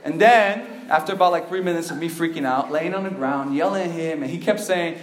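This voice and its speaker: A lively man in his thirties with a high voice tells a comic story to a big crowd. He is animated, jumps into loud acted quotes and chuckles along. His voice rings around a roomy hall. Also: fairly quick. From Cuban family, raised in the US. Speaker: youth event speaker. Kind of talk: comedic storytelling to a live crowd.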